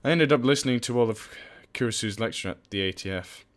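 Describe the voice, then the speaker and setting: With game music playing behind him, a fast-talking let's player with a medium-pitched voice gives laid-back commentary as he plays. He reads out the game's text and cracks crude, joking asides along the way.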